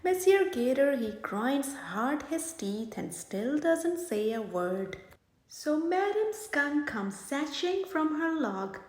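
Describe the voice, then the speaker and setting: A woman reading a bedtime story aloud in an animated, dramatic way. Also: sits high, slow pace. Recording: echoey room.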